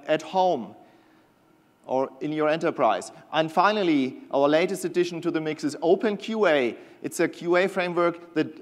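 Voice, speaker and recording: A middle-aged man delivers a conference keynote with eager, slightly halting enthusiasm. His voice sits a bit high, and a long reverb from the big hall trails every phrase. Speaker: keynote presenter, product manager. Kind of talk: conference keynote with scripted banter. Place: large conference hall stage.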